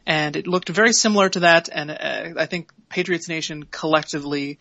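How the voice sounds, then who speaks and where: Bright, quick-recapping podcast host man. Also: a little high, vocal fry, dry recording, lo-fi sound. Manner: recaps plays in quick, wry detail. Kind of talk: casual sports podcast chat.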